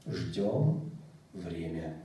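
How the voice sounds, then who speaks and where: A pastor imitating a solemn, disembodied male voice from a dream, intoning slowly and dreamily. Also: very animated, warm tone, far from the mic, slight background noise, heavily acted. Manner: slow, deep, drawn-out dreamlike intoning. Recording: very echoey hall, heard from afar.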